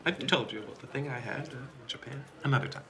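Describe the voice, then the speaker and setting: A man's voice: medium pitch, fast, heavy background noise. A man playing a tabletop game, chatting casually and laughing often. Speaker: player. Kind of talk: casual chat at a gaming table.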